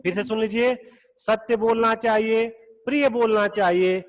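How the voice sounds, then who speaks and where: A man teaching a Sanskrit class over a video call, explaining slowly and patiently, repeating each point. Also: high voice, steady tone. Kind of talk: online class lecture. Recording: long echoey reverb.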